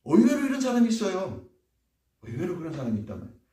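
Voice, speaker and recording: Man, pastor, sermon, swooping animated pitch, echoey hall sound. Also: quick pace. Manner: animated preaching, acting out quoted voices. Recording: echoey room, voice from a distance.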